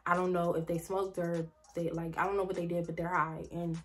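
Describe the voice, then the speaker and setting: A woman's voice: fairly low pitch, little pitch movement, fairly quick. A young woman vlogging a casual storytime, rambling with lots of "like" and talking straight to her viewers as "y'all.". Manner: chatty, rambling, heavy "like" fillers, addresses viewers as y'all.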